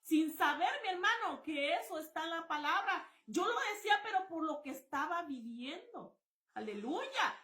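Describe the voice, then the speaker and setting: Woman preaching her own story, high voice, keeps saying brothers, roomy echo. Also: lively intonation, normal speed, bright, forceful tone. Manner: repetitive, exclamatory, addresses listeners as brothers. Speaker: preacher sharing testimony. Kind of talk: spontaneous testimony sermon.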